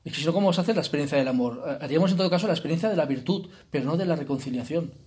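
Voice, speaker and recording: A man leading a spiritual retreat in an informal, conversational way, often tagging his sentences with quick checks to the group and slipping in jokey asides. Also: a little high, darkish tone. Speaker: retreat leader.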